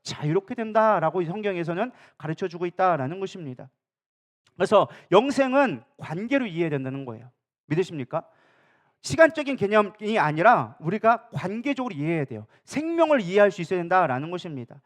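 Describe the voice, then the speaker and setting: A man's voice: sits high, sing-song, fairly quick. A male pastor preaching a sermon in a church, often asking the congregation questions and answering them himself. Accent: Korean, Daejeon area. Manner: acts out quoted speakers in a changed voice. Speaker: co-senior pastor. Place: church sanctuary.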